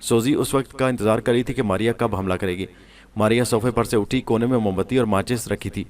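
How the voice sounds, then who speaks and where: A man narrating a scripted horror story in a steady storytelling manner. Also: fairly low pitch.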